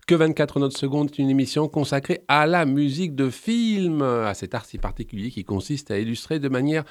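A man's voice: medium pitch, normal speed, dry recording, clean studio sound. A man hosting a radio show about film music, playful and digressive, with jokes and asides. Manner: playful, digressive, lively delivery. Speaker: radio host.

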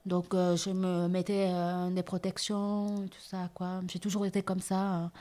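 A woman in her thirties, from southern India and raised in France, telling her life story in a hesitant way with many pauses and restarts. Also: fairly low pitch, little pitch movement. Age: 30s. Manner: hesitant, many fillers and restarts, soft-spoken. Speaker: interviewee. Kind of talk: personal testimony.

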